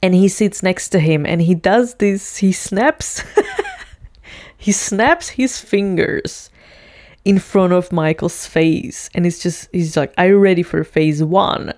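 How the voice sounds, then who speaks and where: Woman, casual storyteller, lowish pitch, chatty with many fillers. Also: slow pace, darkish tone. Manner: chatty, heavy use of fillers. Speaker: vlogger retelling a TV scene.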